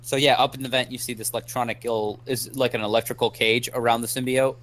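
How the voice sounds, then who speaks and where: A man runs a tabletop role-playing game as its game master, setting the scene in a halting way full of restarts and ums. His voice sits at an ordinary middle pitch for a man. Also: flat delivery, a bit bright.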